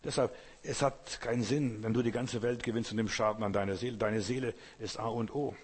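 A man's voice: mid-range voice, steady tone, brisk, breathy edge. A man preaching a sermon, speaking directly to the listener with emphatic repetition. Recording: long hall reverb.

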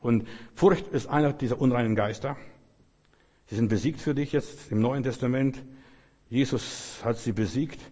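A man's voice: medium pitch, moderate pace, darkish tone, long reverb tail. A man preaching a sermon with emphasis, repeating his phrases and quoting scripture. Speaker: pastor.

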